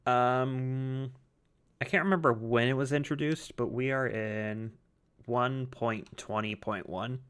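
A man's voice: mid-range voice, steady tone, slow pace, fairly bright tone, clear, resonant tone. A man hosting a gaming channel, chatting casually and joking with a friend while they play a modded game, chuckling often.

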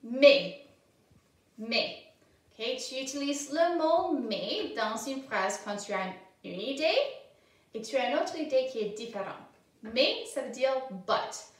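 A woman teaching a simple French lesson to children, speaking slowly and clearly, repeating each word and giving English translations. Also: sits high, lively intonation. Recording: very echoey room, voice from far off.

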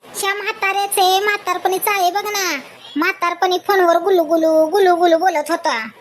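A woman's voice: extremely high pitch, fairly even intonation, moderate pace. A woman playing a suspicious, dramatic wife in a comic skit, nagging and accusing. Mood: outraged.

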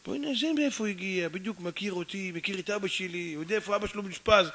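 A male rabbi telling a story in a sermon, speaking with animation, calling out to his audience and acting out the dialogue. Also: high-pitched. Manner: animated, addresses audience often, acts out dialogue.

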